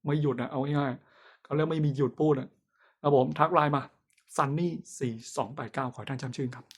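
Man, fortune teller, casual and self-mocking, fairly high voice, chatty. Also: fairly even intonation, slightly rough. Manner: chatty, self-mocking, laughs often, drawn-out fillers. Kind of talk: casual horoscope talk to camera.

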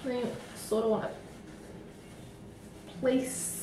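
A woman's voice: a little high, steady tone, slow pace, noisy background. A young woman in her late teens giving a rambling, casual DIY tutorial at home, swearing offhandedly. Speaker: vlogger. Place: home, at a table. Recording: roomy echo, voice distant from mic.

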